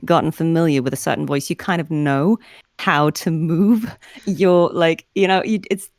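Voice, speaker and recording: Giggly low-voiced woman voice actor. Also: normal speed, a little mellow, dry recording, clean studio sound. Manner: giggly, chatty, self-deprecating. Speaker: voice actor, guest. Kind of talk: casual interview chat.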